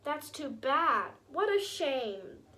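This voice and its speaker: Gentle coaxing old gnome from a storybook, bright voice, as a woman reads him. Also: high voice, sing-song, takes it slowly, a little hiss or hum, full character voice. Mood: encouraging. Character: kindly old garden gnome, encouraging.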